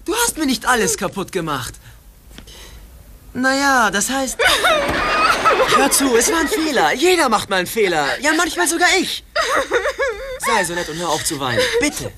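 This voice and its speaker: A woman's voice: fairly high pitch, huge pitch swings, normal speed, long pauses, heavy background noise. A woman dubbing a self-centered, ambitious teenage boy who talks in an indignant, then pleading way. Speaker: dub actor.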